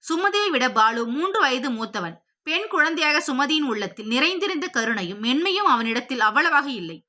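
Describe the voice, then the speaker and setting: A woman narrating a story in a steady, expressive, scripted storytelling voice. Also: high-pitched, moderate pace. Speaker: audiobook narrator.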